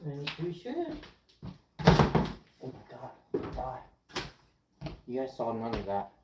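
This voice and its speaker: Cooking on stream at home, this young Ukrainian/Russian-speaking man rambles to viewers and replies to chat in the middle of tasks. His medium-pitched voice swings hugely in pitch and moves slowly. Echo and a bit of faint noise come from the kitchen.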